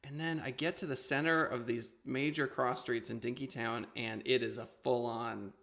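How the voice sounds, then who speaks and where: Casual male host with a creaky voice. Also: mid-range voice, fairly even intonation, moderate pace, a bit bright. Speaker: interview show host. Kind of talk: casual conversational storytelling and hosting.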